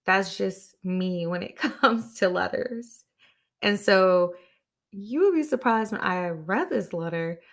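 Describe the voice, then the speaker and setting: A woman's voice: medium pitch, animated, slow. A woman podcast host talking on her own to her listeners. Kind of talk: solo podcast talk.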